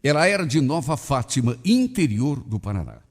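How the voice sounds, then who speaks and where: Husky man reading a dramatic story. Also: mid-range voice, sing-song, normal speed, big-room sound. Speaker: radio host. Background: soft background music.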